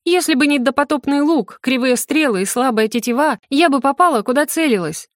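An indignant young heroine with a sharp tongue, as a woman reader puts her on for an audiobook. Her voice sits a little higher than the narration, quick with retorts. The sound is dry and close. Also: steady tone, no room sound.

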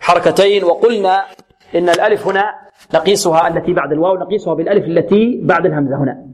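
A man teaching Quran recitation, modelling letters and syllables slowly and repeating them, and posing questions to his students. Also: high voice. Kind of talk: tajweed lesson with recited examples. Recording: muffled lo-fi recording.

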